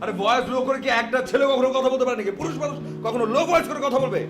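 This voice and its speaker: An actor playing a loud, blustering young husband in a comedy TV drama. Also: male voice, very high-pitched, rapid-fire, reverberant, over music.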